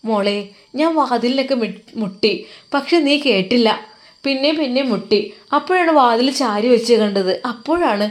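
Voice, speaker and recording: A woman's voice: fairly high pitch, expressive, moderate pace, natural voice. A woman doing a doting old mother figure. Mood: coaxing. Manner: coaxing, pleading softly. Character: gentle, doting elderly mother-in-law.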